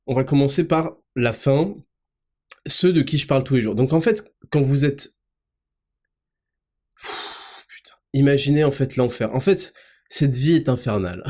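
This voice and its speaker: Man ranting, crude, mocking, keeps laughing, loud then low. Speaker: host. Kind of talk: ranting monologue.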